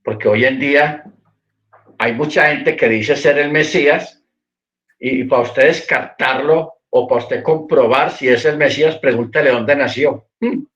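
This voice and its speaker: A man's voice: mid-range voice, a little slow, fairly bright tone. A man teaching a Bible study in a storytelling way, often repeating words as he searches for them. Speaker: Messianic Torah teacher. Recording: dull, lo-fi internet stream.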